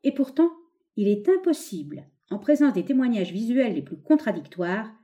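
A woman reading an essay aloud as scripted narration, expressive and leaning on key words. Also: a little high, normal speed, lo-fi sound. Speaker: audiobook reader.

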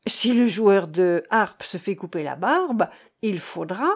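A woman's voice: medium pitch, animated, takes it slowly, slightly rough, heavily acted. A woman reading a teasing young actress. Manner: teasing, mocking.

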